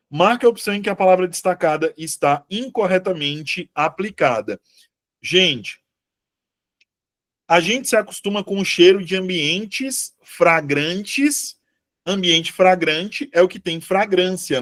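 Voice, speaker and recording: A man with a Brazilian Portuguese accent teaching a live exam-prep review class, chatty, checking in with students and correcting himself aloud. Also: sits high.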